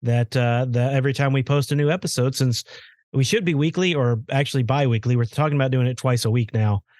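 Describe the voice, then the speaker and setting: A congested man co-hosts a casual sports podcast, talking fast and rambling from one point to the next. His voice sits at an ordinary pitch and sounds dry and close, with no room around it. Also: a little mellow, dry recording. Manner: chatty, rambling. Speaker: podcast co-host. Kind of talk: casual chat.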